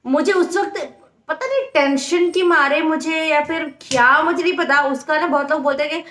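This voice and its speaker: A chatty young woman with a high voice talks to her viewers in a casual home vlog. Her lines carry a fair amount of room echo. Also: moderate pace, fairly bright tone, a little hiss or hum. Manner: chatty, mixes in English words, talks to viewers as "guys". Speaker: vlogger. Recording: echoey room.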